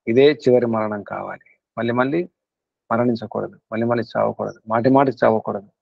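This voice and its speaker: A man's voice: fairly low pitch, steady tone, fairly quick, gravelly, breathy edge, dry recording, lo-fi sound. A man with a Telugu accent, a guru giving a spiritual discourse to his students. He urges them on in earnest, repeating his points again and again. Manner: earnest, repetitive exhortation. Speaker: guru teaching a spiritual class.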